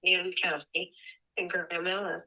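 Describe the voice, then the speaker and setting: A woman presenting remotely, reading a prepared talk in a measured, steady way, her call audio breaking up and dropping out. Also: lowish voice, slightly rough. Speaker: whale researcher presenting remotely. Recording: dull, lo-fi remote call line.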